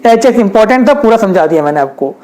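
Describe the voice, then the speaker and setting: A man's voice: sits high, animated, fast, a little mellow, low-quality recording. A young man, giving a chemistry lecture at a whiteboard, often asking rhetorical questions and speaking directly to his students. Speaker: chemistry teacher.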